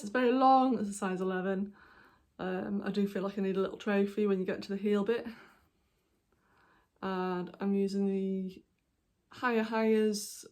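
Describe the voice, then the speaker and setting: A woman's voice: mid-range voice, a little mellow. A woman hosting a knitting podcast, chatting casually and meandering with lots of ums and apologies while she shows her projects. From United Kingdom. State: hiccuping. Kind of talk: casual show-and-tell vlog.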